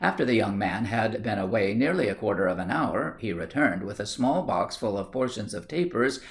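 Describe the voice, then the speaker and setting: A man narrating a storybook in a steady, measured reading. His voice has a gravelly texture and a lively, wide-ranging melody. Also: fairly low pitch. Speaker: audiobook reader.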